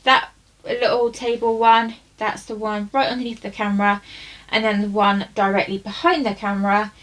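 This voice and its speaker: A woman's voice: mid-range voice, flat delivery, moderate pace, a bit bright. A young woman giving a casual, rambling tour of her makeup storage at home, with loose fillers. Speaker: beauty vlogger. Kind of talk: casual room tour chat. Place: bedroom at home. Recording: slightly distant, faint hiss.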